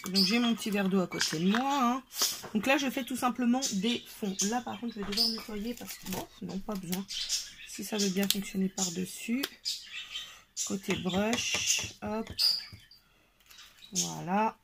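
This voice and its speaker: A woman talks through a craft tutorial in a relaxed, chatty way, pausing often with fillers as she works. Her voice sits in a middle range. Steady background noise runs under the home recording. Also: medium pitch, creaky. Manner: chatty, hesitant with many fillers.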